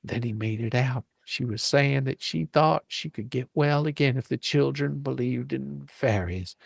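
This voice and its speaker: This man reads a storybook aloud as a storyteller at a measured pace, his mid-range voice sounding creaky. He delivers it theatrically and dramatically, adding playful, folksy, ungrammatical touches, all recorded in an echo-free, studio-quality setting.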